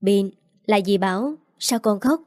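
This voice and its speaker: A woman reading the part of a caring young stepmother, gentle with a child and firm with adults. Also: mid-range voice, expressive, measured pace, no echo, studio quality, lightly acted. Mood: tender.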